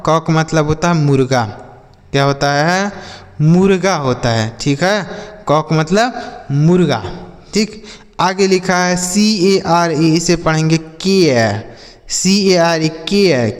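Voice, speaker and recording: A man's voice: on the high side, long reverb tail. A man teaching English vocabulary to beginners, spelling each word letter by letter, repeating it, and asking and answering his own questions. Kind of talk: slow spoken English lesson for beginners.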